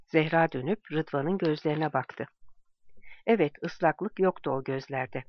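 Brief: even-paced novel narrator, dry and slightly muffled sound. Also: medium pitch, unhurried, no echo. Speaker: audiobook narrator. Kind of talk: scripted narration.

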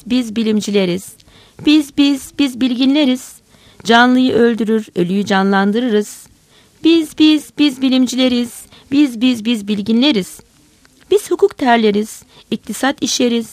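A woman reading aloud chants as a pompous chorus of male scientists, in a rhythmic, boastful sing-song that rises higher and louder. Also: measured pace, no room sound.

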